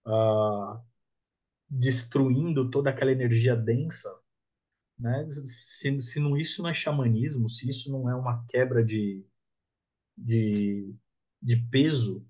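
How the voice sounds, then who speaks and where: Husky man musing aloud. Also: medium pitch, fairly even intonation, takes it slowly, mellow. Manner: reflective, tags thoughts with 'né?'. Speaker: guest. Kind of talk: casual podcast conversation.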